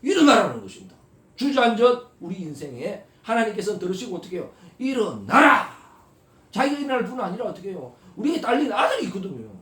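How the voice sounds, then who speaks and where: A high-pitched male pastor preaches a sermon very fast, his very lively voice leaping up and down. He fires rhetorical questions at the congregation, drops into soft asides, then rises to loud, emphatic calls. He is heard from far off in an echoey church sanctuary.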